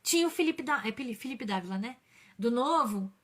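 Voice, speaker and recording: A woman's voice: a little high, lively intonation, brisk. A woman host with a Brazilian Portuguese accent, talking casually and bluntly to her viewers, with slang and mild swearing. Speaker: channel host. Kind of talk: casual explainer talk to viewers.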